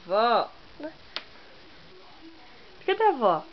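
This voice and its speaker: A mother talks baby talk to her toddler at home, gentle and coaxing. She drawls her words and lets them lilt, her voice sitting a little high. The recording is dull and lo-fi, with a faint hiss behind it. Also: big pitch swings, drawn-out words.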